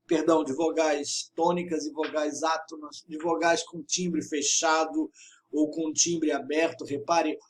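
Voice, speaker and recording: Male literature teacher, fairly high voice, patient and emphatic video-lesson delivery. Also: darkish tone, slight background noise. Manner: patient, emphatic, reads verse lines aloud slowly. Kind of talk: video lesson explaining a poem.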